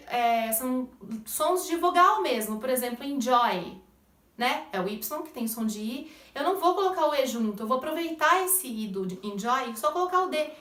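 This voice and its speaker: A woman's voice: sits high, a bit bright, echoey room, distant mic. A woman teaching English pronunciation in Portuguese, explaining step by step and checking in with the listener often. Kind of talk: pronunciation lesson.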